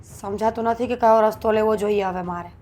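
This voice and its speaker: An actress playing a young married daughter who speaks in a subdued, bitter tone. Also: female voice, mid-range voice, steady tone, fairly quick, warm tone, natural voice. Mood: weary. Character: young wife, weary and resentful. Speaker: married daughter staying at her mother's home. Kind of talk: short film acting. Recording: faint background music. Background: faint music.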